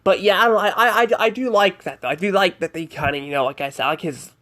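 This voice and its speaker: A man's voice: sits high, fast talker, sharp tone. A man giving a casual spoken review of a cartoon episode, rambling and hesitant, filling gaps with "like" and "I don't know".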